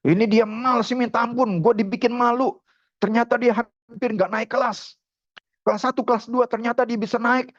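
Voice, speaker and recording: Man voicing a raging military dad, high and shouting, coarse street slang, muffled dry line. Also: animated, normal speed, no room sound. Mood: angry. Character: angry man, army father scolding his son.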